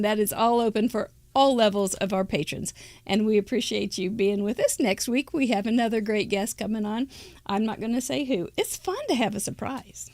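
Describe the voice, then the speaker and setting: Upbeat woman host in her fifties, high voice, dry close mic. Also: no room sound. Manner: chatty and upbeat, laughs often. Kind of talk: live crafting show chat.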